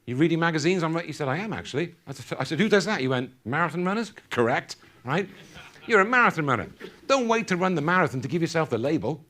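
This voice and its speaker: Male keynote speaker, light pitch, lively motivational conference talk with audience call-and-response. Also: quick pace, hardly any pauses. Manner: animated, quizzing the audience with call-and-response questions. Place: conference hall.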